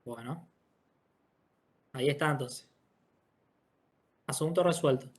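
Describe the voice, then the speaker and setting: A patient male teacher, walking his class through each step and pausing often to check that they follow. His voice sits at an ordinary middle pitch, calm and steady. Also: breathy edge. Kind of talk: online class walkthrough.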